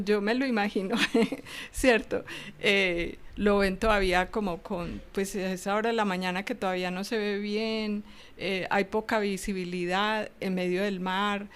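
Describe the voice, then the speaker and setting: A woman's voice: mid-range voice, clear, resonant tone. Woman retelling a gospel scene with light laughter. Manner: animated storytelling, laughing lightly between phrases. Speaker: Bible study co-presenter. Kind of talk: conversational gospel commentary.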